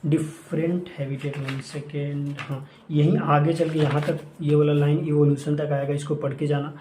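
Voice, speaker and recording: A young man with a warm, fairly high voice coaches students for an exam at a moderate pace and in a level tone, using Hindi mixed with English terms. His instructions are casual and repetitive. The echoey room recording has a little hiss or hum.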